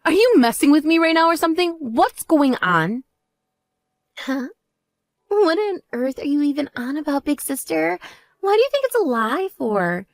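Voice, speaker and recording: Story read: a woman playing a spoiled younger sister, boastful and taunting, pitch high and swooping, dry close sound. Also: very animated, normal speed, no room sound. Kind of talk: voiced text story dialogue.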